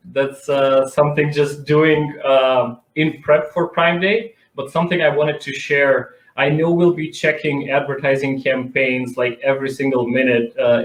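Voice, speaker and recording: A man from North Macedonia, speaking conversationally as an expert guest in an interview. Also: mid-range voice. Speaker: interview guest, advertising director. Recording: echoey room sound.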